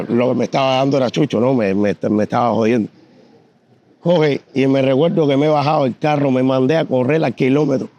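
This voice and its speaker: A man tells judging stories in a dark, mellow voice, stumbling through fillers and restarts as he goes. The recording has a dull, slightly lo-fi sound. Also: medium pitch, a little hiss or hum. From Cuba. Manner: animated anecdotes with frequent fillers and repetitions. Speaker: competition pigeon judge. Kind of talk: storytelling in an interview.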